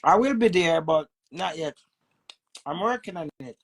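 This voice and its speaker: This livestream host has a fairly low, expressive voice with a breathy edge, speaking at a moderate pace. She teases and flirts casually with viewers from home, her Jamaican accent carrying a touch of British.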